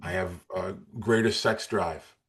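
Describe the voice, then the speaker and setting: A man's voice: low voice, steady tone, a little slow, a bit bright. A man in his sixties, an interview guest telling his story in an earnest, emotional way with frequent restarts. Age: 60s.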